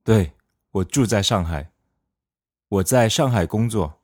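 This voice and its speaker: Man, scripted lesson dialogue, slow careful delivery, low voice. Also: animated, husky, no room sound, clean studio sound.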